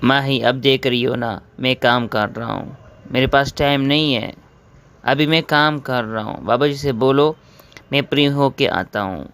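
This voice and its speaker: Brief: male actor as irritated young man, mid-pitched, dismissive and exasperated. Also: fairly bright tone, clean tone, natural voice. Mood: annoyed. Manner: impatient, exasperated. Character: impatient young man, dismissive, busy with work. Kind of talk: comedy skit acting.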